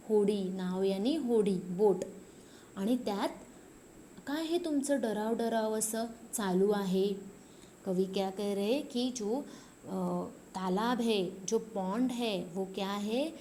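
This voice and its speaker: A woman's voice: medium pitch, mellow, slight background noise. A woman teacher explaining a school poem to children, switching between two languages and reciting lines in a sing-song. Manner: explains slowly, mixing Marathi and Hindi.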